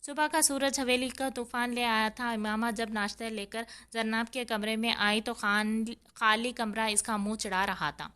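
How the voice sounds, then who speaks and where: A woman reading a romance novel aloud as narrator, steady and dramatic. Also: a little high, few pauses, clear, resonant tone. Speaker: audiobook narrator.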